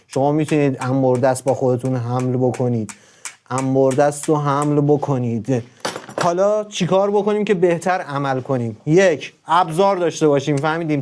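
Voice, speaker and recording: Guy ranting on a live stream, keeps repeating himself, voice a bit on the high side. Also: a little mellow, slight background noise. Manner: emphatic, repeats words over and over. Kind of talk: live stream rant to viewers.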